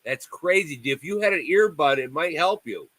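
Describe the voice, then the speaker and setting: A man's voice: a little high, expressive, moderate pace, a bit bright, dry recording, rough recording. A man in his sixties hosting a casual livestream chat from home on a video call, talking in a friendly, rambling way with many restarts. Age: 60s. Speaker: livestream host.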